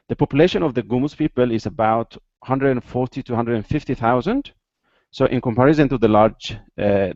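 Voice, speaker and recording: A man from Ethiopia, a guest in an interview, explaining at length with many pauses and fillers over a video call. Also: mid-range voice, darkish tone, no echo, muffled recording.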